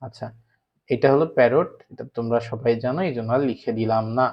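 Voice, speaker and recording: In an online class for primary students, a man with a Bangladeshi Bengali accent teaches English, repeatedly asking the class questions and then answering them himself. His medium-pitched voice is steady and fast. The recording is slightly dull and lo-fi.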